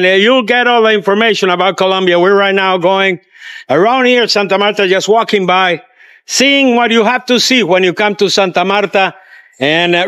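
An older man, a tour guide, hosts a walking tour vlog on city streets, holding the camera at arm's length. His voice is a bit bright, clear, and resonant, and he pitches his tours to viewers with enthusiastic, salesy asides.

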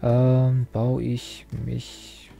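A man's voice: mid-range voice, completely flat delivery, drawn-out words, vocal fry. A young man commenting casually while he plays a video game, rambling and mocking himself, with many fillers and restarts. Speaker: Let's Play host.

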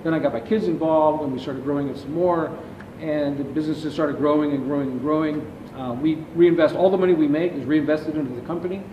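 A man's voice: on the high side, fairly even intonation, fast. A middle-aged man, a company founder, answers interview questions at length in a large warehouse, filmed by a distant camera. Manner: explains at length, gesturing with his hands. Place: large warehouse with shelving, indoors. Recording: echoey warehouse, distant dull audio with background noise.

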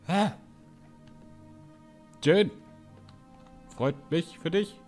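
A man's voice: a little high, extremely slow, darkish tone, soft background music. A man giving casual gameplay commentary, chatty and joking as he reacts aloud. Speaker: let's play streamer.

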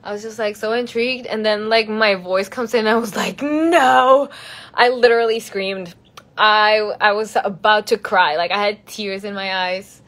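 A young woman reads fan questions aloud on a casual phone livestream and answers them chattily, giggling often and code-switching between Spanish and English. Her medium-pitched voice is a bit bright, with fairly even intonation and a slightly slow pace.

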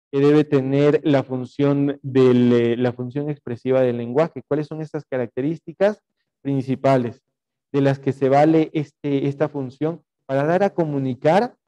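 A man's voice: mid-range voice, dark tone, muffled recording. Man teaching an online class. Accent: Ecuadorian Spanish. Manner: explanatory, dictating notes with frequent fillers and rhetorical checks. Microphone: video call.

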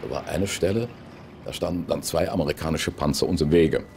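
A man's voice: extremely low pitch, vocal fry, background noise. A man in his eighties from the Rhineland, with a Rhineland accent, telling his memories plainly in an interview at home. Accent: Rhineland German. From Rhineland, Germany. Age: 80s. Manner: plain, unhurried storytelling with small tags. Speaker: eyewitness interviewee. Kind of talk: recollecting in an interview. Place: living room at home, indoors.

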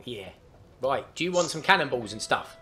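Playful man with lively pitch. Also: moderate pace, faint music behind. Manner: playful, coaxing, fatherly. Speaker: gaming channel host. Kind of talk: casual let's-play chat with a child.

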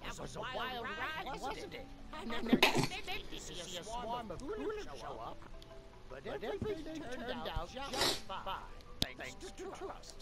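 A man's voice: extremely high pitch, wildly swooping pitch, unhurried, gravelly, pauses often, heavily acted. An actor voicing an earnest young male warrior in an anime game dub, reacting in surprise and protesting. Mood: relieved. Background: game music.

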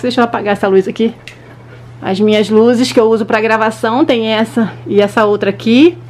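A Brazilian woman with a fairly high voice gives a casual, chatty tour for young viewers. She talks informally as she points things out, recorded on a handheld camera in a small indoor room. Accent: Brazilian Portuguese. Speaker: children's toy channel vlogger. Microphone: handheld camera at arm's length.

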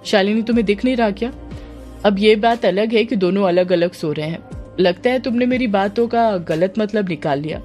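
A woman's voice: medium pitch, moderate pace, darkish tone, soft background music, natural voice. A woman voicing a playful young man who teases his friend in a Hindi horror audio story. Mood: teasing. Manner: teasing, joking.

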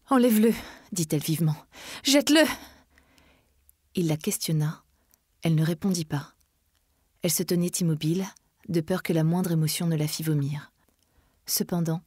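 Low-voiced woman reading a novel. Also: mellow, husky, no echo, clean studio sound. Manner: measured, dramatic narration. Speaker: reader. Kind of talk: literary reading.

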